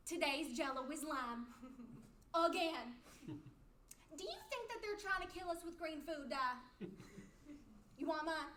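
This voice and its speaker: A woman's voice: sits high, bright, forceful tone, slight background noise, exaggerated voice. A woman playing a young hospital patient, talking playfully and giggling to a friend behind a curtain. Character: young cancer patient, chatty and cheerful. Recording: echoey room from a distance.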